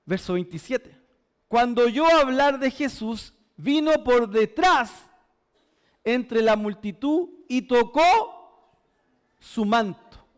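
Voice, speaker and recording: A man's voice: very high voice, expressive, slow pace. A man with a Chilean Spanish accent preaching a sermon as pastor, asking the congregation questions and repeating words for emphasis. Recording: echoey church hall.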